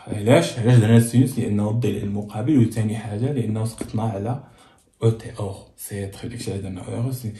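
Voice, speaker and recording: A quick-paced Moroccan man gives a physics lesson in an echoey room. His voice is dark and mellow, and he keeps firing questions at the class, then answering them himself. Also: medium pitch. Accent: Moroccan Arabic. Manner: asks and answers his own questions, coaxing students to follow. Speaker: physics teacher. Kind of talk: blackboard lesson.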